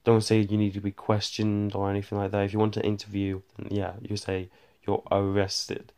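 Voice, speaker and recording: A man rambles through a casual storytime, keeping his voice low and gravelly. He glosses over details with repeated filler and records on a phone he holds in his hand. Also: completely flat delivery, fairly quick, a little mellow. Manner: rambling, fills gaps with "blah, blah, blah". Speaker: vlogger. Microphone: handheld phone.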